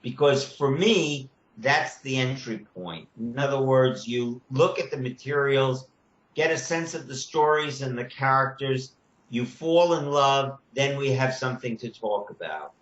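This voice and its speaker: A man in his seventies speaking on a video call, measured and halting, with many "you know" fillers. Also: medium pitch. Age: 70s. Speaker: children's media producer. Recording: echoey, muffled video call audio.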